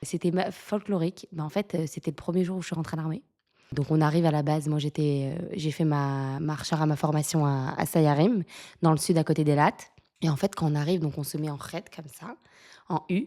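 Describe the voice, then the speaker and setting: A woman in her thirties from France, a podcast guest telling lively stories in a casual chat, laughing often and using lots of fillers. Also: deep voice, a little fast. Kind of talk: casual storytelling interview.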